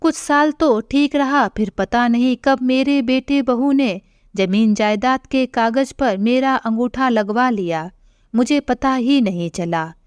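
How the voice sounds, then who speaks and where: A woman voicing a frail elderly widowed mother who speaks softly and tearfully in an audio story. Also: fairly high pitch, takes it slowly, clear, resonant tone, dry recording. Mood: sorrowful.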